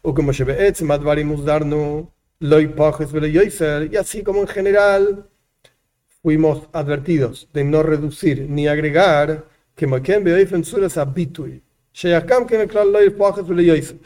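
A man's voice: a little high, measured pace, a little mellow. A man teaching a religious lesson, reading lines aloud and then explaining each one with examples. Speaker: rabbi teaching a text.

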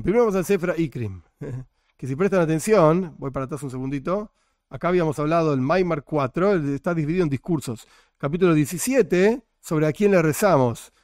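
A man's voice: on the high side, a little mellow, no echo, studio quality. A man teaching a religion class, full of rhetorical questions and jokey asides. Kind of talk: classroom lecture.

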